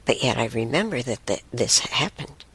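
A woman hosting a talk show, telling a spiritual story in a rambling way, with soft whispered asides. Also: extremely low pitch, animated, normal speed, slightly rough, dry recording. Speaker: show host.

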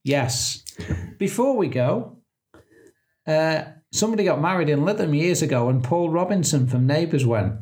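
A man's voice: a little high, expressive, normal speed, darkish tone. A man co-hosting a podcast in casual chat, joking and laughing at his own gags. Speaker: podcast co-host.

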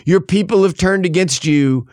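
Whiny old prophet, put on by a preacher, high strained voice, dry close sound. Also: male voice, normal speed, darkish tone, no echo, close to an everyday voice. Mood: whining. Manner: whining. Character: whining self-pitying old male prophet.

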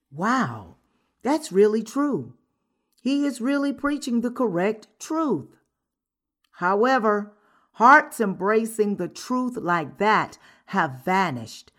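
Slow, measured woman reading a sermon. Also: medium pitch, fairly bright tone. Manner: measured, earnest delivery. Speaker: sermon reader.

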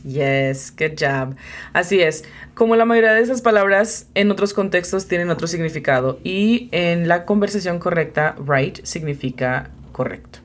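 A woman's voice: on the low side, lively intonation, normal speed. A woman hosting a beginner English lesson, patiently explaining vocabulary, spelling words out and encouraging her student. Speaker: language teacher and host. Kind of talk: bilingual English lesson podcast.

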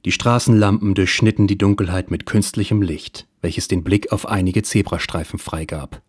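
Deep, husky deadpan narrator. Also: male voice, moderate pace, dry recording. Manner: deadpan, dry. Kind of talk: scripted noir parody narration.

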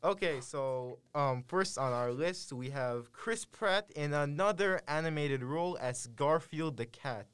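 Young male host, casual, halting delivery, resonant clean voice. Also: on the high side, a bit bright, smooth. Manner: hesitant, many ums, laughs often. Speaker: podcast host. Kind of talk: casual chat.

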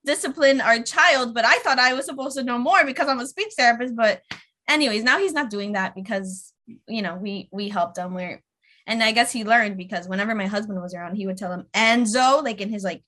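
Bright, fairly high woman in her 30s, rambly casual podcast chat, lots of "like". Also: fairly quick. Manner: chatty, many fillers, acts out her own quotes. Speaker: speech therapist guest.

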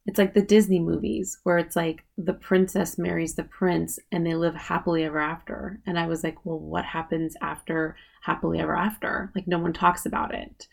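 A podcast host in her late thirties chats casually by herself, leaning heavily on fillers like "like" and "you know what I mean." Her voice sits on the low side, slightly mellow, with vocal fry.

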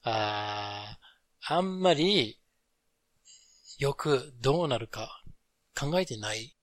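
A man's voice: medium pitch, lively intonation, drawn-out words, fairly bright tone, dry recording. A man co-hosting a casual podcast, patiently explaining English words and mixing Japanese with fluent English. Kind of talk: casual bilingual podcast chat.

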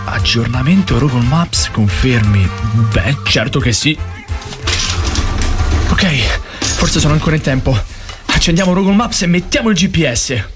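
A woman's voice: low-pitched, animated, unhurried. A woman playing a harried, muttering, exasperated driver in a scripted comedy sketch. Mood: hurried. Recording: music clearly behind the voice.

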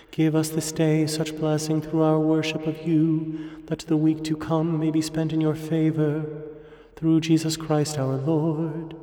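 A man leads morning prayer in a slow, even intonation, his mellow voice half-spoken and half-chanted. A cathedral echo carries every phrase through the long reverb of a large church, with faint music somewhere behind him. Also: fairly high pitch. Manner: measured, intoning responses and prayers. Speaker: officiant leading morning prayer. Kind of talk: liturgical recitation, partly chanted.

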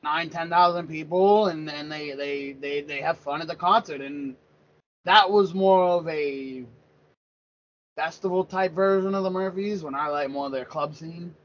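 Man, thirties, from Pennsylvania, casual rambling sports talk, a bit high-voiced, muffled podcast sound. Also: unhurried. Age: 30s. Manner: rambling, repeats words and restarts often. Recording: lo-fi dull sound.

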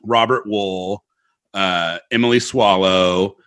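A man's voice: low-pitched, fairly even intonation, slow, fairly bright tone, slight background noise. A man co-hosting a casual podcast, with reverb bouncing around a bare-walled room. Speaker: podcast co-host. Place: home office emptied to bare walls.

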